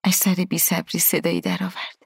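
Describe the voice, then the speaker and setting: Low husky woman reading a story, flat even tone, soft almost whispery, dry sound, faint music. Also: dry recording. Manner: soft, hushed, partly whispered delivery. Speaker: audiobook narrator. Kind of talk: scripted first-person narration.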